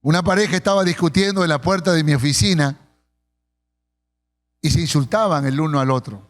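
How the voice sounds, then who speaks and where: A Peruvian pastor preaches to his congregation in a fairly high voice for a man. He tells stories and slows right down on the lines he wants to stress. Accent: Peruvian Spanish. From Peru. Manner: storytelling with acted quotes, slowing for emphasis. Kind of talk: sermon. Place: church.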